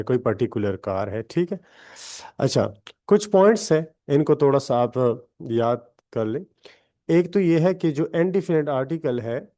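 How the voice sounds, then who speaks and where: A man's voice: mid-range voice, warm tone. A male English teacher, running an online grammar class and explaining step by step while checking in with his students again and again. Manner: explains step by step, keeps checking in with "theek hai". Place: online class on a video call.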